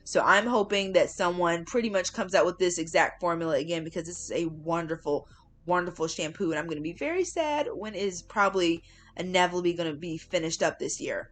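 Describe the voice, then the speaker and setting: A hair care vlogger with a slightly low female voice narrates a casual how-to video at a moderate pace. Her delivery is informal and chatty, and she leans on certain words for emphasis. It comes across as a relaxed voiceover walking through a routine step by step.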